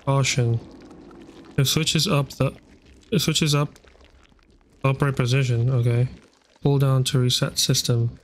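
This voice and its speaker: A man's voice: mid-range voice, fairly even intonation, a little slow, long pauses. A young man doing nervous horror game commentary, muttering and swearing to himself like a scared streamer. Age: young adult. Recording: clearly noisy, game ambience behind.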